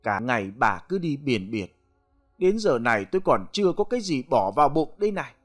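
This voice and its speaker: Man playing surly slurring drunkard in a spoken ghost story; animated pitch swings. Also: a little fast. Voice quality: slurred, whining. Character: drunk, slurring poor old husband.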